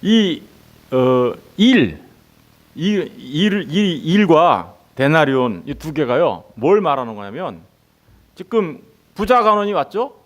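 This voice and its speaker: A male pastor delivers a sermon, peppering his congregation with rhetorical questions and voicing the workers' lines as though quoting them. His voice sits on the high side and is very animated, though his pace is slow.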